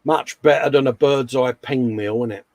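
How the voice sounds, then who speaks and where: A man with a close, dry sound and an everyday mid-pitched voice hosts a casual chat show. He reads out posts in a chummy, colloquial manner, dropping in "mate" and "innit" as he goes. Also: normal speed, a little mellow, dry recording. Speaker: co-host of a hobby live show.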